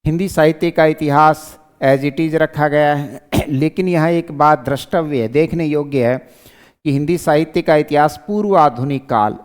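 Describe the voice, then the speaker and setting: Teacher with a smooth, echoing voice. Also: male voice, fairly high pitch, normal speed. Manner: asks and answers his own questions; explanatory, repeats key points. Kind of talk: exam syllabus lecture. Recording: clear voice with long reverb.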